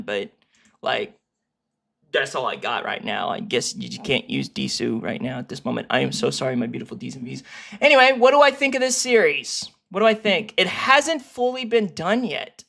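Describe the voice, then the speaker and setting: This streamer's mid-range voice carries some creak as he reacts to and ranks a video series. The commentary is casual and full of profanity, eager and quick to laugh.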